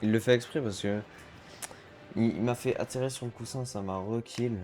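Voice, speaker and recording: A man's voice: mid-range voice, steady tone, moderate pace, darkish tone, faint music behind. A man giving chatty let's-play commentary as a gaming streamer, reacting aloud to the game and dropping English slang.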